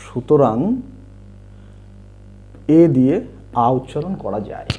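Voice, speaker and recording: A man teaching English letter sounds, spelling words out and repeating the sounds slowly. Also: medium pitch, warm tone. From India. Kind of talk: slow explanatory lesson. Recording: dull lo-fi home recording.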